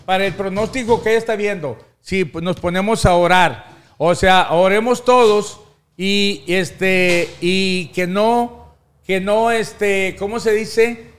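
A man from the United States hosting a casual studio talk show, rambling and animated, speaking into a boom mic. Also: takes it slowly, smooth. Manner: rambling, animated, gestures with hands. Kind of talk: casual chat. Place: small studio with brick wall and blue lights. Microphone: studio mic on boom, headphones.

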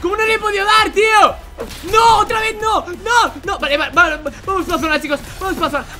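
A young man from Spain with a Spanish accent, doing excited gameplay commentary, going from hushed whispers to shouts and repeating himself rapidly. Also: very high-pitched. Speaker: gaming YouTuber. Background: music.

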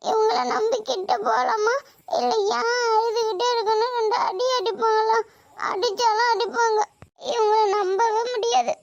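Very high-pitched cartoon schoolgirl, whiny, tearful, sulky. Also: steady tone, moderate pace, no echo, lo-fi sound. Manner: whiny, crying and complaining. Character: tearful, sulky young schoolgirl little sister. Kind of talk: cartoon voice acting.

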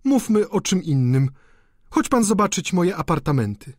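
A distraught young baroness, as a male narrator puts her on, her voice lifted well above his usual pitch and rising and falling a lot. She pleads with a tremble and urgency, sounding slightly husky in a dry, close audiobook reading. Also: big pitch swings, normal speed, darkish tone, no echo. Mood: pleading.

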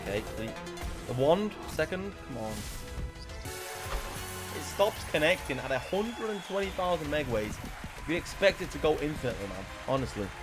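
A man's voice: a little high, big pitch swings, normal speed, pauses often. Exasperated young man over game music. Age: 20s. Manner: exasperated, complaining. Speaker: online slots streamer. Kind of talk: casual gameplay commentary. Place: indoor room at a streaming setup.

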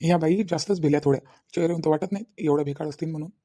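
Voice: medium pitch, very fast, warm tone, lightly acted. Someone voicing a reassuring young robbery victim. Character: young man whose car was robbed. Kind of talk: cartoon comedy voice acting.

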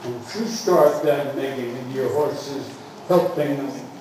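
An unhurried male riding coach, his medium-pitched voice a little mellow, repeats short, emphatic commands to riders at a show jumping clinic. The setting is a large covered indoor arena, recorded echoey and somewhat noisy by a camera at a distance along the side.

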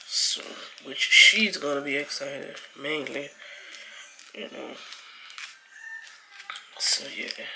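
A young New woman talks to her vlog viewers slowly and easily, in a lowish voice. She rambles through side remarks. Dishes and pans clatter clearly in the background. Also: slight background noise. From New Orleans. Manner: relaxed, chatty, rambling asides. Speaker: vlogger and mom. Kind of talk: casual vlog talk to camera. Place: home, getting ready.

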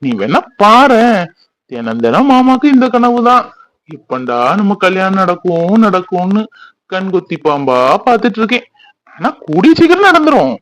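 A man's voice: sits high, big pitch swings, moderate pace, a bit bright, rough recording. A young man, playing a teasing, boastful village youth who dotes on his sweetheart. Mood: affectionate. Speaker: actor in a family fan drama. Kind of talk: village romance drama acting.

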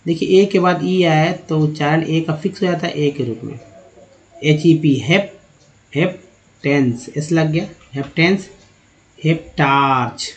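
A man's voice: fairly high pitch, a little slow. A man teaching English pronunciation in Hindi, patiently spelling words letter by letter and calling his viewers friends. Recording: dull lo-fi recording.

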